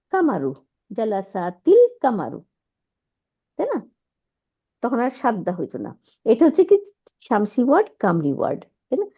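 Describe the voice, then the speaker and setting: Lively woman teacher explaining grammar. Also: fairly high pitch. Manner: checks understanding with frequent rhetorical questions. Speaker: Arabic teacher. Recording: dull lo-fi audio.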